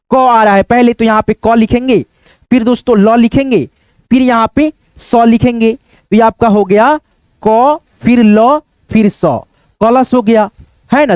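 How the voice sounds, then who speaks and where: A man's voice: very high-pitched, darkish tone, no room sound. A man teaching Hindi reading and writing in an online lesson, patiently sounding out words syllable by syllable and repeating them.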